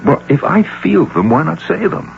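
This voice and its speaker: In an old-time radio drama, an actor with a gravelly American voice, a little high and very animated, plays an earnest, lovestruck, wealthy middle-aged businessman, an awkward yet insistent suitor. His delivery is halting, emphatic, and wooing, on a dull, hissy recording with hum.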